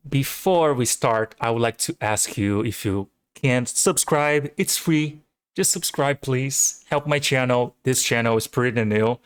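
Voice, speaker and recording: Hosting his own reaction video through a home microphone, this young man from Brazil speaks with a Brazilian Portuguese accent, enthusiastic and casual, rambling with plenty of fillers. His mid-range voice has a clean tone and a measured pace. The recording is dry with clean studio sound.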